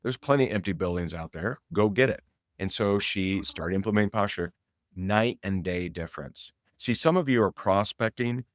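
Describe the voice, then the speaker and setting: A man's voice: sits low, no echo, studio quality. A middle-aged man hosting a show, coaching on sales in a casual, emphatic, storytelling way. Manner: energetic, emphatic, repeats key points. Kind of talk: motivational sales talk.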